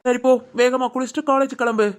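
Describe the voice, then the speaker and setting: A voice actor playing a calm, protective older brother in an animated family drama, with a Tirunelveli Tamil accent. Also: sits high, fast, smooth, natural voice.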